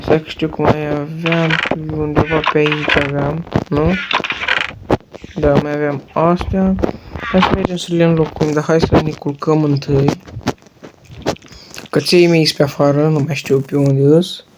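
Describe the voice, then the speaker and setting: A man's voice: on the high side, little pitch movement. A man giving casual let's-play commentary while building in a game, rambling and joking with his viewers. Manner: rambling, chatty, jokey asides to viewers. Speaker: gaming channel host. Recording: noisy home recording with mouse and keyboard clicks.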